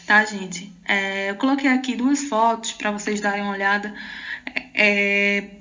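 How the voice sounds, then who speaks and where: A Brazilian woman with a Portuguese accent teaching a Spanish lesson, reading the examples carefully and adding quick asides in Portuguese. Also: medium pitch, sharp tone, lo-fi sound. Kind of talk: online exam-prep lesson.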